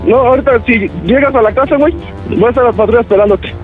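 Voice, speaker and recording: Man, Mexican accent, angry, swearing, fast, very high-pitched. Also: narrow, tinny audio, faint music behind. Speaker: prank call victim.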